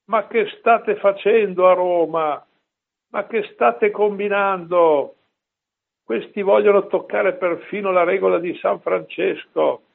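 A man's voice: fairly high pitch, extremely slow, creaky, breathy edge, full character voice. A man voicing a stern, scolding old friar. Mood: indignant. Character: stern elderly friar rebuking his order. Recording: lo-fi phone-like line.

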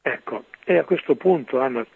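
A man, a priest, giving an earnest, preachy commentary on scripture over the radio, with a gravelly, husky voice. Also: mid-range voice, expressive. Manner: earnest, preachy, often pausing on "ecco". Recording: narrow phone-like radio sound.

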